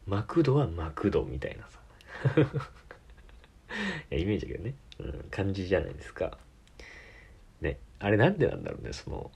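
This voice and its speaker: His voice is deep, creaky and slightly rough, with a darkish tone. He's a Tokyo man with a Tokyo Japanese accent, hosting his own podcast as a casual solo talk. He wanders from thought to thought, fixing his own words and laughing frequently.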